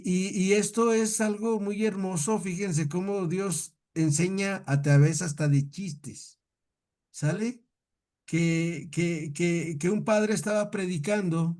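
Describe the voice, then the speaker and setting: A man with a Mexican Spanish accent leads a relaxed Bible class in a fairly high voice. He talks in a chatty, folksy way, stumbling over and repeating words and asking his listeners "right?" as he goes. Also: takes it slowly. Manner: chatty, repeats words, tells jokes, asks "¿sale?". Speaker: teacher leading a Bible class. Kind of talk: informal religious lesson.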